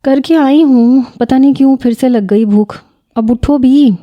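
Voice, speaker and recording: A woman reading the part of a feisty, sharp-tongued young female student in an audio novel. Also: high voice, muffled recording, pitched above the performer's own voice, lightly acted. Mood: playful.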